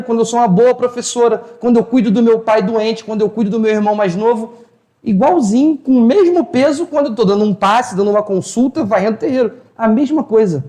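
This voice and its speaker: A man's voice: very high voice, warm tone. A man giving an informal spiritual talk, telling stories in colloquial slang and acting out the dialogue. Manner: colloquial storytelling, acts out dialogue. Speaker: spiritual lecturer. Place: hall of a spiritual house. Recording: roomy echo.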